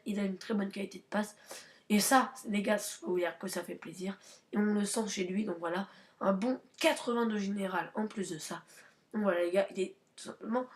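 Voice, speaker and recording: Chatty hesitant woman talking through a game. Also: medium pitch. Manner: hesitant, many fillers and restarts; slangy, chatty, addresses viewers as guys. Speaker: gaming channel host. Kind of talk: casual gameplay commentary.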